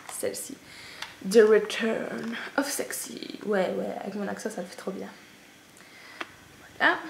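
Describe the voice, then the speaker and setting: A young woman with a Belgian French accent, chatting in a casual haul video, gushing and self-mocking with lots of fillers. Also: fairly high pitch. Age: young adult. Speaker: beauty vlogger. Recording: echoey room with faint ambient noise.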